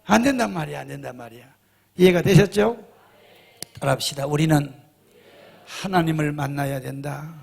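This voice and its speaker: A man's voice: fairly high pitch, moderate pace, gravelly, pauses often, slightly rough. A middle-aged male pastor preaching a sermon, emphatic, often firing rhetorical questions at the congregation.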